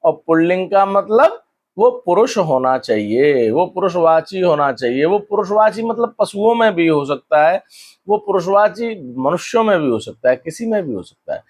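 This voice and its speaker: Man teaching slowly, drawing out words. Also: high-pitched, big pitch swings. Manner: asks questions then answers them, drawing out words slowly. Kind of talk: classroom lesson explanation.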